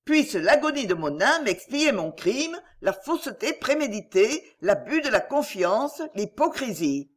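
Woman doing a volatile noblewoman, passionate and declamatory, raised pitch, lots of melodic movement. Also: very animated, a little slow. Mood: anguished. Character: proud, volatile aristocratic lady in anguish.

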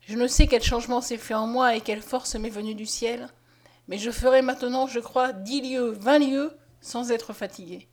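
A woman's voice: a little high, steady tone, normal speed, natural voice. Woman voicing joyful young peasant girl Mariette. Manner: fervent, tender. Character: hopeful young peasant girl, tender and devout.

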